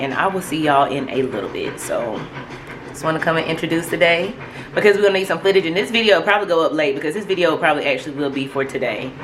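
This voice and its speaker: A young woman chatting casually in a vlog about her day, rambling and upbeat with lots of fillers. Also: low-pitched. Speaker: vlogger. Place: home with a washing machine running. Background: washing machine noise.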